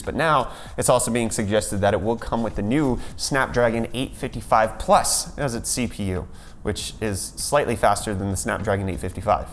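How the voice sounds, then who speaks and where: A man's voice: lowish voice, slight background noise. Sarcastic man hosting tech news. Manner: sarcastic, jokey segues. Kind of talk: casual tech news rundown.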